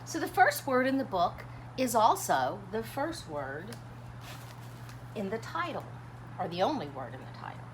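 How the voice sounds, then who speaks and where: A teacher reads a children's picture book aloud in an animated storytime, adding commentary and questions for her young listeners. She is expressive and dramatic, her pitch very lively though her pace is unhurried, against a clearly noisy background.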